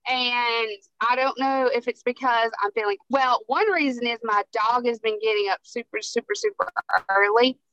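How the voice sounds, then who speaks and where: A woman co-hosting a casual chat over a lo-fi video call connection, chatty and quick to laugh. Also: a little high, fairly bright tone, no echo. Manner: chatty, laughs easily, repeats words. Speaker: co-host.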